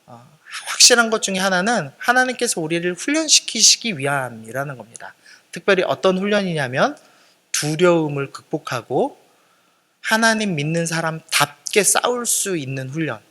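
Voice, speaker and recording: A man preaching a sermon in a lively, rising and falling voice that is bright and forceful. He is earnest and explanatory and puts casual questions to the listeners. A long church reverb trails behind every phrase. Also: a little high, moderate pace. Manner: earnest preaching to a congregation, with conversational asides and questions. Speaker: pastor.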